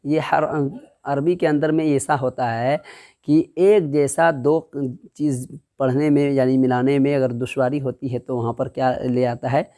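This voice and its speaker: A man teaching Quran reading in a step-by-step lesson. He, drills the syllables slowly and asks and answers his own questions. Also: a little high, darkish tone.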